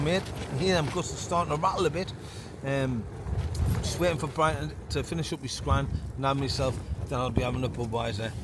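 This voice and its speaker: A man chatting casually to viewers as an outdoor camping vlogger, in blokey slang, talking with the wind in his face. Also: medium pitch. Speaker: wild camping vlogger and host. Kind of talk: casual outdoor vlog chat. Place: outdoors at an exposed wild campsite in high wind. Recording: loud wind noise buffeting the microphone.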